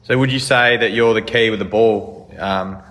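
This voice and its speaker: A man's voice: on the low side, fairly even intonation, moderate pace, fairly bright tone, long reverb tail. A man co-hosting a casual sports interview and putting questions to the guests. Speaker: co-host interviewer.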